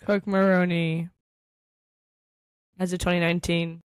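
A woman's voice: lowish voice, flat delivery, unhurried, clean tone, no room sound. A woman co-hosting a chat podcast who gushes, exclaims a lot and talks with many "like" fillers. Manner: gushy, exclaims often, lots of "like" fillers. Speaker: podcast co-host. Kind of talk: casual chat.

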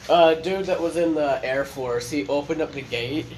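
Young man, casual podcast co-host, joking, fairly high voice, hissy recording. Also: moderate pace, darkish tone, rough recording. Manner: joking, laughs often. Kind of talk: casual chat.

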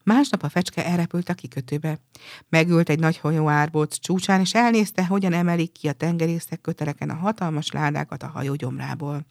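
A woman reading a fairy tale aloud in a calm, even storytelling manner. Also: low-pitched, gravelly, no room sound, studio quality.

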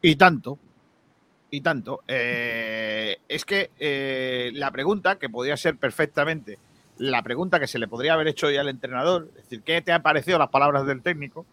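A man hosting a lively football debate, insistent and quick to argue back. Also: mid-range voice. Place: studio in Málaga.

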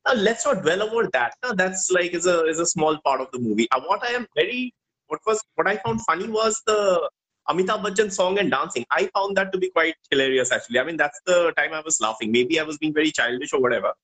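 A man's voice: on the high side, animated, quick pace, a bit bright, low-quality recording. A man with an Indian accent chatting casually as a panelist, hesitant and rambling. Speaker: podcast panelist. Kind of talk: casual chat.

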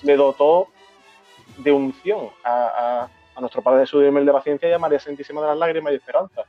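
A man tells an old memory at an unhurried pace, stumbling over and repeating his words. The recording is dull and lo-fi, with faint music underneath. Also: on the high side, fairly even intonation. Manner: halting, repeats words, moved. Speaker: host of a brotherhood talk show. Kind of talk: emotional storytelling in casual chat.

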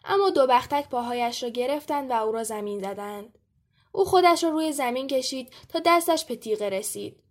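A woman reading a story aloud in an even, measured voice. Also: high voice. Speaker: narrator.

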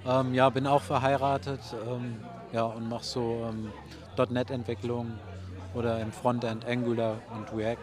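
A man in his late thirties from northern Germany speaks in a flat, even voice. His answers are brief and hesitant, full of pauses. A faint crowd murmurs behind him outdoors. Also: medium pitch. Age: 30s. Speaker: software developer. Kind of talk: casual interview answers. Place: outdoors at a summer party.

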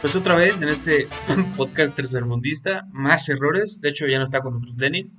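A young man co-hosting a podcast, excitable and full of exclamations. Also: fairly high pitch, normal speed. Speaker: podcast co-host. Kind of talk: casual chat. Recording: distant mic with music behind.

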